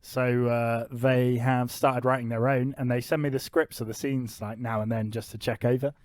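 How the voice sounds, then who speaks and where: A man's voice: medium pitch, level tone, no echo. A man hosting a comedy podcast, chatting casually and laughing often. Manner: chatty, laughs often, explains things quickly. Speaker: podcast host and narrator.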